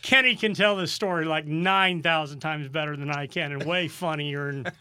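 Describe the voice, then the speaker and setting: A man from the St. Louis area hosting a podcast, telling a road story in a casual, animated way and laughing often. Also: on the high side, normal speed, clear, resonant tone, no echo. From St. Louis area, USA. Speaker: podcast host.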